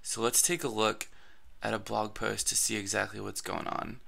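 Raspy from allergies, a man hosts a screen-recorded blogging tutorial, chatting casually with lots of fillers and restarts. His voice sits lowish and steady at a normal speed, with a bright, forceful tone.

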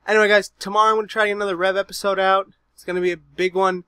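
A man's voice: sits high, little pitch movement, very fast, bright, forceful tone, clean tone, no room sound. A young man talking casually over his gameplay footage into a desk mic, loose and full of swearing and frustrated asides. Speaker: gaming video host. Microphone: desk microphone.

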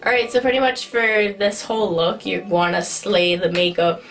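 A young woman with a hoarse, sick-sounding voice, chatting loosely and jokingly as she walks through a makeup tutorial at home. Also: medium pitch, moderate pace. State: hoarse from a cold. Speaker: beauty vlogger. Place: indoors at home in winter.

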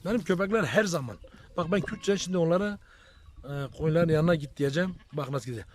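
Outdoors in open countryside with sheep and goats, a shepherd vlogger chats to viewers while herding his flock, filmed on a handheld phone. His voice is a little high and fairly quick, with a little hiss or hum. He addresses viewers as friends and calls loudly to the animals.

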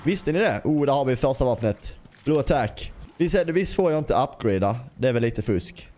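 A gaming YouTuber gives casual, chatty gameplay commentary, swearing lightly, addressing his viewers directly, and bursting into playful scatting and sound effects. His medium-pitched voice is expressive and a little mellow, with a slight hiss or hum.

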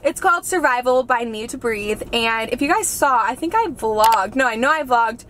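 A young woman in her twenties talks into a dashboard camera from inside a car, gushing and heartfelt, peppering her sentences with "like". Her voice sits a little high, with a faint hum of background noise behind her. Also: lively intonation, normal speed, a bit bright. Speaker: vlogger. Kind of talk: casual chat.

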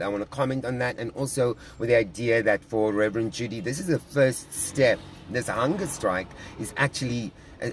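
Talking into a phone held at arm's length inside a parked car, an earnest South African man offers casual commentary on church news in a medium-pitched voice. He speaks haltingly, often restarting and repeating words, over slight background noise.

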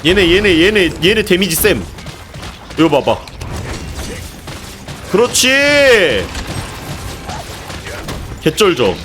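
A man streaming a video game in casual commentary, excitable and often swearing and yelling in frustration. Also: high-pitched, moderate pace, a little hiss or hum. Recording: game music loud behind the voice. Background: game music.

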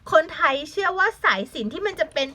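A woman's voice: extremely high pitch, big pitch swings, fast talker, sharp tone. A young woman teaching a language lesson to children, patiently spelling words letter by letter, asking the class questions and adding English glosses.

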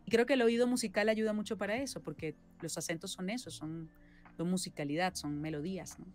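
A woman from Venezuela with a somewhat low voice talks through her craft in a casual interview. She explains patiently and at length, checking in with the listener with tag questions. Faint music plays behind her. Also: fairly quick, a little mellow. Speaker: voice actress and singer-songwriter, guest.

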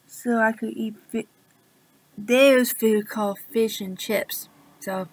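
A woman chatting casually to her viewers, giggling often and drifting into soft whispers. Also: on the high side, steady tone, extremely slow, slight background noise, poor audio. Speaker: vlogger. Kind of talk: casual rambling chat to camera.

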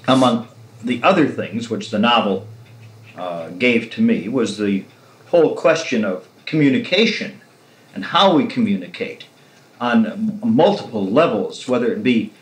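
Man, interviewer, old 1969 tape recording, roomy echo, reflective and wordy. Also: mid-range voice. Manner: reflective, long winding literary remarks. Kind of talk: conversational discussion.

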